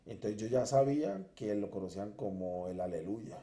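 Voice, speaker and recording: Dark-voiced man telling his testimony. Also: lowish voice, animated, moderate pace, roomy sound. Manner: earnest storytelling, acts out his past self. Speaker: guest sharing his conversion testimony. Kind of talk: personal testimony in a church interview. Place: church.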